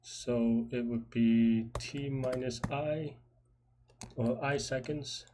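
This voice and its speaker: A man's voice: mid-range voice, steady tone, slow, mellow. A man casually thinking aloud as he solves a programming puzzle, speaking in hesitant, muttered fragments while typing. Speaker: programmer host live-solving a puzzle. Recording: faint noise, keyboard typing and clicks.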